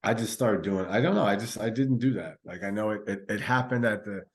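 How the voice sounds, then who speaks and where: A man's voice: lowish voice, brisk. A man co-hosting a podcast in casual chat, laid-back and rambling with many fillers. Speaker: podcast co-host.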